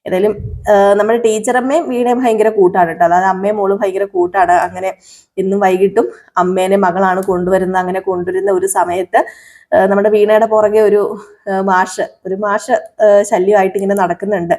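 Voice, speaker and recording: A woman's voice: medium pitch, fairly even intonation, normal speed, warm tone. A woman casually retelling a TV serial episode for her viewers, chatty, speaking straight to them and often correcting herself as she goes. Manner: chatty, addresses listeners directly, frequent self-corrections.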